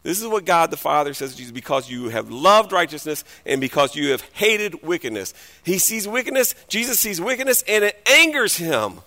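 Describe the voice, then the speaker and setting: A man preaching a sermon and reading scripture aloud, dramatic, swinging between hushed passages and loud outbursts. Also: fairly high pitch, big pitch swings, fairly quick, hardly any pauses. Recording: long hall reverb.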